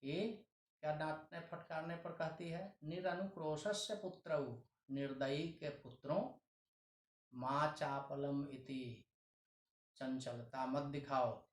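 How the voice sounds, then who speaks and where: Slow echoey Hindi-accented male teacher. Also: a little high, fairly even intonation. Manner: reads a Sanskrit line, then explains it in Hindi. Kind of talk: line-by-line explanation of a Sanskrit lesson. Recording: echoey room.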